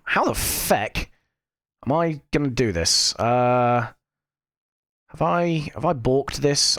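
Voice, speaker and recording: This UK streamer has a gravelly, mid-range voice that's a bit bright, recorded with clean studio sound and no room sound. He chats with viewers in a rambling, self-deprecating way during casual gameplay commentary, held back by a lingering cough.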